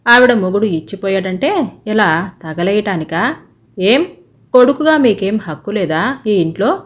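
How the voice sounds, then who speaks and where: A woman voicing an arrogant, sharp-tongued young woman who speaks scornfully, in a narrated story. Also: mid-range voice, animated, a little slow, lightly acted. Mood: defiant. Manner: scornful, cutting.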